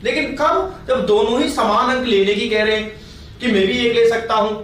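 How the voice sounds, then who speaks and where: A man with an extremely high, somewhat bright voice teaches a chemistry class at a moderate pace, patiently repeating points and questioning his students. The recording comes from a distant mic in a very echoey room, with faint noise.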